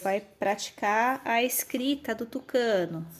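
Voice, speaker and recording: A Brazilian woman explaining and demonstrating learning materials for young children, filmed on a handheld phone, often tagging her sentences with questions and counting aloud slowly. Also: on the high side. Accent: Brazilian Portuguese. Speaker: educator showing teaching materials. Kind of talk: casual demonstration of classroom materials. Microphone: handheld phone camera, filming one-handed.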